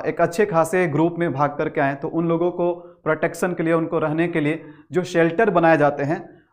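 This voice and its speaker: A man teaching English vocabulary, mixing Hindi with English words, often asking questions and answering them himself. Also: on the high side. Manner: repetitive, asks the class questions and answers them; reads English definitions slowly and deliberately. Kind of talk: explanatory lesson.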